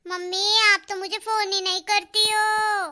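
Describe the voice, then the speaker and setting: A woman's voice: very high-pitched, little pitch movement, unhurried, sharp tone, exaggerated voice. A woman voicing a whiny young married woman in a cartoon, pleading with her mother and griping about her mother-in-law. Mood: complaining. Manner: whining, pleading, rattles off long lists of grievances. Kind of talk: cartoon dialogue.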